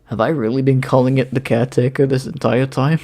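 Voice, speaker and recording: A young man livestreams from home, chatting casually as he reacts, swearing and laughing easily. His medium-pitched voice has a dark tone, little pitch movement and a slightly fast pace.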